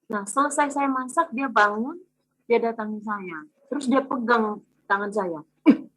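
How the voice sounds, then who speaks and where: A woman recounts a family episode in casual, animated speech, slipping into the voices of her children. Her tone is slightly husky. The sound is dry and close, as on a video call. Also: a little high, measured pace, dry recording, rough recording. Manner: animated, acts out family dialogue. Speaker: testimonial speaker. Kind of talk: casual storytelling testimony.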